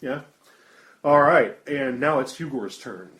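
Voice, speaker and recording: A man's voice: mid-range voice, slow pace, fairly bright tone. Man running a tabletop game. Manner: descriptive, rules-minded. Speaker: game master. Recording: roomy table recording.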